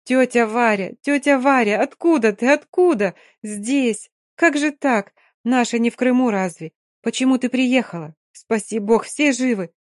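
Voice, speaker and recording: A woman's voice: medium pitch, normal speed, warm tone, no echo, clean studio sound, close to an everyday voice. Woman doing a grieving young Romani woman. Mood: alarmed. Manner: pleading, tearful, raised voice.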